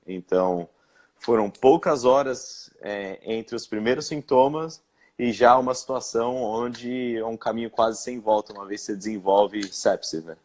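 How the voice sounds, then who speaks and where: A young man from Brazil speaking in a live-stream interview, recounting his experience with many pauses, fillers and restarts. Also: medium pitch, darkish tone. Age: young adult. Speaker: interviewed guest.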